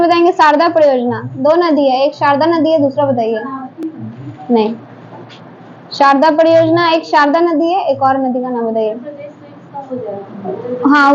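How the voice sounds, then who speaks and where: High-voiced woman teacher running a quiz. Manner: brisk, keeps prompting students to answer. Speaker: teacher quizzing a class. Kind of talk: classroom quiz drill. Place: classroom. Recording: dull lo-fi classroom recording, faint noise.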